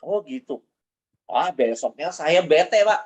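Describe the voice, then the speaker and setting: A man's voice: fairly high pitch, expressive, slow. A man voicing a confused male downline seller who pleads earnestly for advice about his wife.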